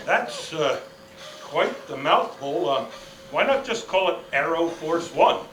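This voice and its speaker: Exasperated, blustering general male actor for radio comedy; forceful and declamatory, slightly off-mic with echo. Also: a little high, lively intonation, slow. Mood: uneasy. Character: blustering, exasperated commanding general, comically cranky. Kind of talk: comic stage radio play. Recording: echoey, distant, faint noise.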